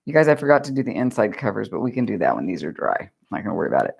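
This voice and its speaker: Chatty low-voiced woman. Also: sing-song, rapid-fire, vocal fry, a little mellow, slightly rough. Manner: rambling, chatty, laughs at her own stories. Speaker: craft vlogger. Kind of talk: casual storytelling while crafting.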